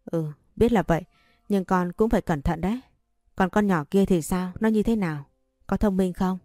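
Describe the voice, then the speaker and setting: A woman's voice: medium pitch, moderate pace, dark tone, no echo, studio quality, faint music behind, close to an everyday voice. A woman reading the lines of a cold, scheming middle-aged mother in an audiobook.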